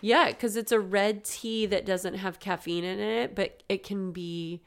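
A woman's voice: medium pitch, steady tone, a little slow, smooth. A woman co-hosting a casual podcast, chatty and teasing, explaining things at length. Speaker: podcast co-host. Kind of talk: casual chat.

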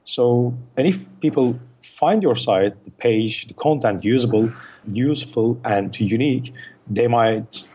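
A search marketing consultant whose first language is Turkish answers questions as a guest in a podcast interview, explaining his work in lists with many fillers and restarts. His mid-range voice is dark and slightly rough, at a measured pace.

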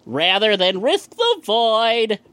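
A man's voice: sits high, slow pace, dry recording, pitched above the performer's own voice, exaggerated voice. A man putting on a stiff robot voice to read a male comic-book hero's lines as a dramatic reading on a podcast. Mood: stiff, robotic. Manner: flat mechanical robot-like delivery, dramatic reading.

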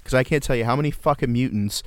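A man's voice: mid-range voice, fast talker, dry recording. A man co-hosting a casual comedic podcast, rambling sardonically and swearing freely. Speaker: podcast co-host.

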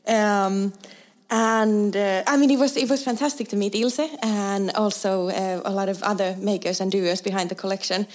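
A woman's voice: mid-range voice, fairly even intonation, normal speed, darkish tone. A young woman from Finland, a designer guest, telling her story in a casual interview with lots of fillers, restarts and laughter. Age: young adult.

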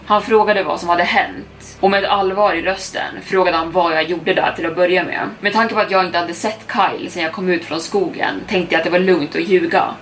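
A young adult woman narrates a first-person horror tale in steady storytelling mode. Her voice sits on the lower side, and she picks up speed through the tense stretches. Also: a little hiss or hum. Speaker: podcast storyteller.

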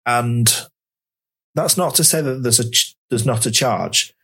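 A man's voice: mid-range voice, a little slow, fairly bright tone, slightly rough. A man hosting a podcast interview, chatty and friendly, often restarting his phrases. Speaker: podcast host. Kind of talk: casual interview.

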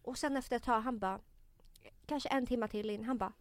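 A woman's voice: a little high, no room sound. A woman co-hosting a casual podcast chat, telling a story with animation, acting out the dialogue and swearing often. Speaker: podcast co-host.

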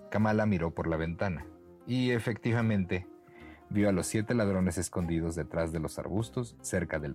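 A man narrating a bedtime story for children in a gentle, expressive way. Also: low-pitched.

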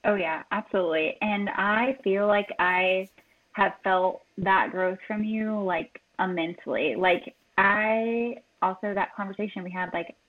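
A woman's voice: medium pitch, steady tone, measured pace. A woman guest in a casual chat, speaking earnestly and giving direct advice. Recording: tinny phone line.

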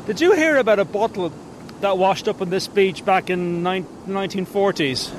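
Higher-voiced man interviewing outdoors in noise. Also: moderate pace. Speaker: interviewer, presenter. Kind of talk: casual on-location interview. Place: outdoors by the sea. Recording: noisy outdoor location recording.

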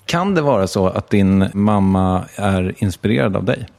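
A man's voice: sits low, vocal fry, darkish tone. A man hosting a podcast, interviewing in casual chat with teasing, dry jokes. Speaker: podcast host.

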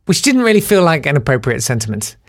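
A man's voice: on the high side, sing-song, quick pace, no echo, studio quality. A man hosting a podcast, telling a rambling, self-deprecating anecdote with many fillers and restarts. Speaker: podcast host. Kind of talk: casual anecdotal monologue.

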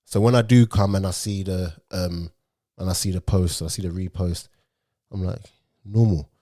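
A man's voice: deep voice, steady tone, moderate pace, mellow. A man with a London roadman accent hosting a slangy, casual podcast chat, speaking emphatically and encouragingly and often repeating himself. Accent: London roadman, multicultural urban London. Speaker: podcast host.

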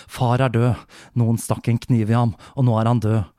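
A man's voice: mid-range voice, little pitch movement, dark tone, no room sound, clean studio sound, natural voice. A man reading a novel excerpt aloud, putting on a scared young boy. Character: scared young boy waking his mother.

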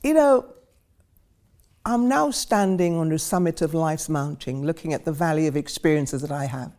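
A woman in her seventies from Trinidad, a guest, reflects on her life story in vivid, rhetorical phrases. She speaks at normal speed in a low voice with a darkish tone.

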